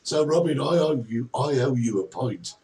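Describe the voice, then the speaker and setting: A man's voice: mid-range voice, expressive, normal speed, warm tone. A middle-aged man co-hosting a casual live-stream chat, joking and reading out viewer comments. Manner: chatty, jokey, reads out viewer comments. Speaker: co-host of a live social media chat. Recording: distant mic with faint background noise.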